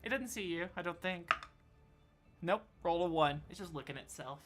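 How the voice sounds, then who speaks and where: A woman's voice: on the low side, lively intonation, moderate pace, a bit bright, soft background music. A woman running a tabletop role-playing game as game master, talking casually with lots of fillers. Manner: casual, rambling, many fillers.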